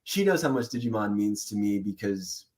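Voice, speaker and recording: A male voice actor, appearing as a guest in a casual interview, tells stories with animated, excitable energy and laughs often. His voice sits on the lower side and moves at a normal pace.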